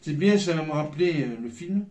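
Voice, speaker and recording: A man's voice: on the high side, lively intonation, a little fast, warm tone. Echoey, distant Frenchman crunching chips. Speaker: vlog co-host tasting snacks. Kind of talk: casual chat. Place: small hotel room, indoors. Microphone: phone camera a couple of metres away. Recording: echoey, distant phone recording with noise.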